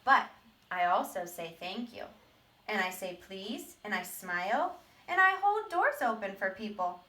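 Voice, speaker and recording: A woman voicing a mischievous little male sunflower seed confessing in a dramatic, emphatic storybook read-aloud with drawn-out words. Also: mid-range voice, big pitch swings, sharp tone. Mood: hopeful, earnest. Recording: roomy echo, distant microphone.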